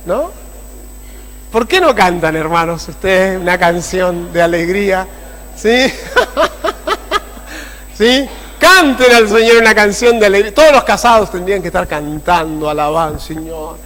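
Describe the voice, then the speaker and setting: A man preaching a sermon as pastor, animated and repeatedly asking the congregation for agreement. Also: high-pitched, measured pace, slight background noise. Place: church. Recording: long church-hall reverb.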